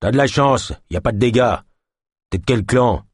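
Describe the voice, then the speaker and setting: A man voicing a greedy, scarred, potbellied middle-aged man who yells and haggles gruffly. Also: mid-range voice, normal speed, no echo, studio quality, close to an everyday voice.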